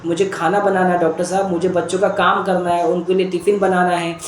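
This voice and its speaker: A man's voice: high-pitched, level tone, a little fast, reverberant, slight background noise, natural voice. A man voicing a frightened, weeping middle-aged mother who begs her doctor for help, repeating her worries in a pleading rush. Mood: pleading, anxious. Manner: pleading, repetitive, breathless worry.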